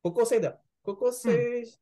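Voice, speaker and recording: Man with mellow Japanese. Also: extremely high pitch, a little slow. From Indonesia. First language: Indonesian. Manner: speaks Japanese as a second language with hesitant fillers and self-corrections. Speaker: guest, nurse. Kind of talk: casual interview chat.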